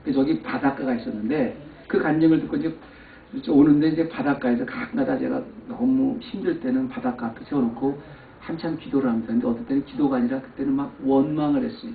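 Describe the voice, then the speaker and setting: A man preaching a sermon as pastor, telling a personal testimony and rising to loud emphatic peaks. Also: mid-range voice, quick pace, vocal fry, slight background noise. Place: church sanctuary. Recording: echoey, distant, phone-like lo-fi.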